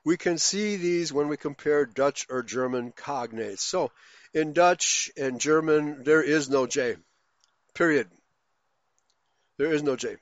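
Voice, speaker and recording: A man's voice: on the high side, takes it slowly, dry recording, highs cut off. A man reading out forum comments and adding his own remarks, thinking aloud as he goes. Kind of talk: casual read-aloud commentary.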